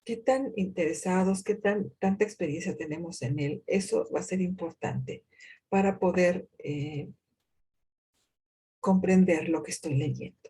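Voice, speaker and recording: A woman giving a university lecture in a deliberate way, posing rhetorical questions to herself and pausing often with hesitations. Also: on the low side, dark tone, breathy edge. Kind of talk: recorded lecture on reading comprehension.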